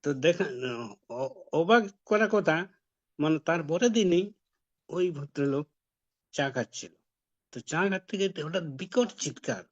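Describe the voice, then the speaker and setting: A man's voice: a little high, normal speed, long pauses. A man giving a devotional talk, telling a personal story in a conversational way. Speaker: devotee preacher. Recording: dull lo-fi recording.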